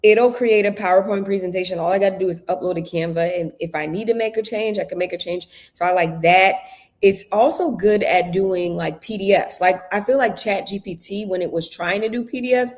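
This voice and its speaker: A woman's voice: mid-range voice, a little fast, darkish tone. A woman guest in a casual live chat, chatty, often restarting her sentences. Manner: chatty, trailing restarts, exclaims oh my God.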